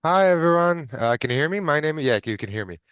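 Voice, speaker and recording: A man from Israel introduces himself on a group video call, his voice smooth and resonant. The sound is dry and a little dull, like a laptop mic. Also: on the high side, animated, quick pace, fairly bright tone, dry recording. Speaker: participant.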